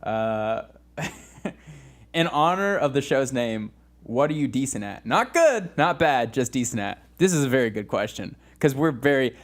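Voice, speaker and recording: A man's voice: medium pitch, lively intonation, moderate pace. A young man co-hosting a comedy podcast in casual chat, rambling and giggling with lots of restarts. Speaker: podcast co-host.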